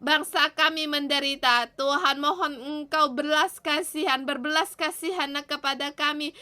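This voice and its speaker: A woman's voice: high-pitched, bright, forceful tone. A woman giving a morning devotion and leading an earnest, pleading prayer in short phrases. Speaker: devotion speaker.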